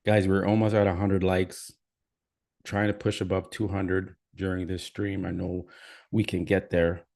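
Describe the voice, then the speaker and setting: A livestream host with a Canadian accent chats casually and reads out viewer comments about where people are tuning in from. His voice is low and darkish with vocal fry, and his delivery is flat and a little slow.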